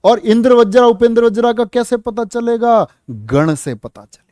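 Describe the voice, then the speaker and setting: High-voiced Hindi teacher coaxing pupils. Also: male voice, lively intonation, warm tone, no room sound, clean studio sound. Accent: North Indian Hindi. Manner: coaxing, asks pupils questions and answers them himself; counts syllables aloud slowly. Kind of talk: classroom lecture.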